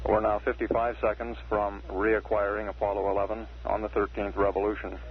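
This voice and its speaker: An American man giving measured, deadpan mission status commentary as a public affairs announcer, with hesitant pauses. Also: on the low side. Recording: dull 1960s broadcast with faint hiss.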